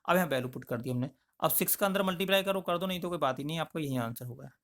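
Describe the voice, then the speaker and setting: A man with a slightly high voice teaching maths as a voice-over. He goes step by step, talking through each part and often stopping to check in with "okay". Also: rapid-fire, fairly bright tone. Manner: explains in plain spoken steps, with frequent checks like "okay". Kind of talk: step-by-step lesson explanation.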